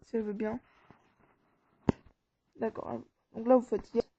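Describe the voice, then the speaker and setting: A woman's voice: fairly high pitch, flat delivery, measured pace, mellow. A woman talking viewers casually through an app tutorial step by step, informal and rambling. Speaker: tutorial maker. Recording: dull, dry lo-fi recording.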